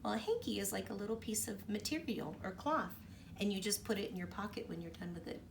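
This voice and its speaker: This woman teacher talks fast with a creaky, medium-pitched voice while reading a storybook to children. She's expressive and keeps stopping to ask them questions, recorded far from the mic with slight background noise.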